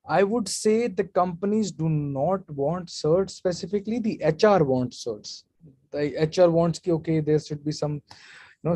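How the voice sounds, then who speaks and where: A man talks casually in a live online session, giving off-the-cuff advice as he answers questions from the chat. His voice sits a little high for a man. The sound is dry, with no room echo. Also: dark tone. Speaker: guest speaker at an online security meetup.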